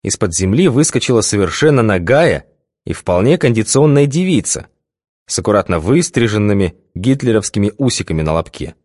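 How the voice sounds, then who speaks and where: Low-voiced, lively male audiobook reader. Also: a little fast, no echo, clean studio sound. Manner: expressive, varied reading. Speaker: audiobook narrator. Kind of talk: scripted narration.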